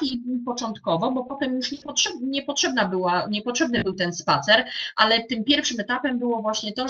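Woman, primary teacher, bright tone, halting delivery full of fillers, dull lo-fi sound. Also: fairly high pitch. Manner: hesitant, many fillers and restarts; addresses fellow teachers directly. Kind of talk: explaining a classroom coding activity.

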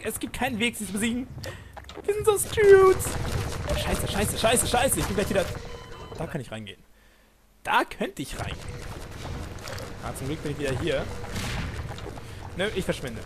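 Excitable male gamer narrating his play, high and bouncy voice, game gunfire under it. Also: background noise. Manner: excitable, panicky yelps and nervous laughs. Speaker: let's play commentator. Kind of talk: casual gameplay commentary.

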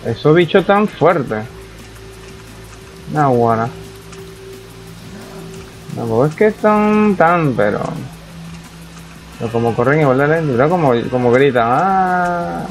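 A man's voice: mid-range voice, animated, takes it slowly, long pauses, faint music behind, rough recording. A young man, commenting casually on a survival game as he plays and reacting aloud to what happens on screen. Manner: chatty, reacts aloud to the game, talks to himself. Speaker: gaming YouTuber. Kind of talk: casual let's-play commentary.

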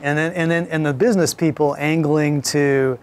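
A man's voice: fairly high pitch, fairly even intonation, normal speed, a little hiss or hum. A man lecturing a college class in a conversational way, often repeating words as he thinks aloud.

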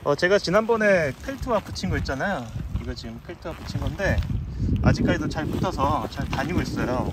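A man narrating his fly fishing outing in a relaxed, explanatory way, with frequent fillers. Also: on the high side, a little fast. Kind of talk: casual narration to camera. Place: riverbank outdoors and inside a car. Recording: outdoor camera audio with background noise.

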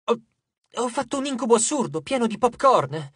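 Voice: mid-range voice, sing-song, normal speed, a bit bright, husky, no room sound, pitched above the performer's own voice, exaggerated voice. A brooding teen boy tied to the underworld, read by an audiobook narrator, with a dry, cutting delivery. He speaks bluntly and never hides his impatience. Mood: dazed. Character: moody teenage son of the underworld god, blunt.

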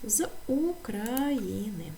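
A woman with a Ukrainian accent walks pupils through a German textbook, reading each line slowly and switching to Ukrainian to explain. Her voice has a gravelly edge. A faint hum of noise and typing sits behind her. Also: on the high side, very animated, mellow. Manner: reads sentences slowly, translating into Ukrainian. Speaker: German teacher. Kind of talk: slow textbook walkthrough for pupils.

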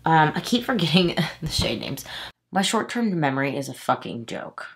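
This woman's low voice is gravelly and sing-song, slightly nasal and stuffy, and moves at a moderate pace. A beauty vlogger in her thirties from Houston, Texas, she chats in a rambling, self-correcting way while doing a makeup tutorial in a small room at home.

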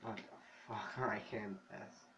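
A man's voice: on the low side, steady tone, a little slow, bright, forceful tone. Blunt, swearing man on a dull lo-fi mic. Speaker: co-player. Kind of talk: casual gameplay chat. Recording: dull lo-fi mic with faint noise.

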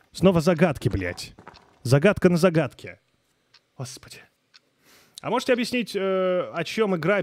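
Medium-pitched and a little mellow, this male streamer talks into a close microphone while playing. His casual commentary mixes puzzled muttering, swearing, and replies to viewers' chat messages.

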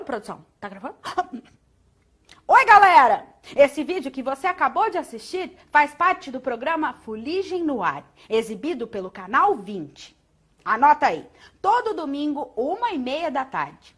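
Bubbly orange bird puppet played by a woman, high and lively, chatty promo energy. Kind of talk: puppet show outro.

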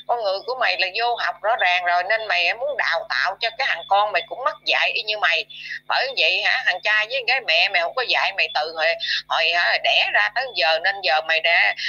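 Speaking in a husky, pushed, bright mid-range voice, a Southern Vietnamese woman who comments on YouTube berates her viewers, filling her furious rant with fillers and insults. The sound quality is dull and lo-fi.

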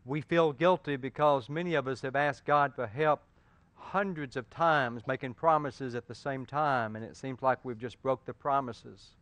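A man preaching a sermon, swinging from loud pleading peaks to soft earnest talk and asking his listeners direct questions. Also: medium pitch, moderate pace, no echo.

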